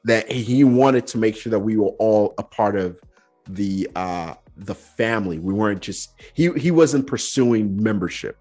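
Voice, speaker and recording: A young man hosting a podcast, telling stories in a relaxed, chatty way full of "like" fillers. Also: on the low side, unhurried, faint music behind. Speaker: podcast host. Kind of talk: casual conversational storytelling.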